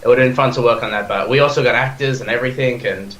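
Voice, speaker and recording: An Australian guy in his twenties is a guest on a podcast, chatting casually in an eager, rambling way full of fillers and restarts. He talks rapid-fire at a medium pitch with a fairly bright tone, and the sound is roomy.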